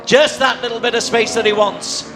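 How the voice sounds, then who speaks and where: A man's voice: very high voice, steady tone, moderate pace. A man working as a motorsport commentator, calling a live motorcycle race with dramatic play-by-play.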